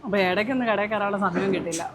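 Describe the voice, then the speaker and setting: A woman's voice: mid-range voice, very fast, crowd noise. Chatty middle-aged woman vlogging. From Kerala, India. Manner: chatty, explains as she walks around. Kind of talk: casual vlog narration. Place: TV studio and makeup rooms.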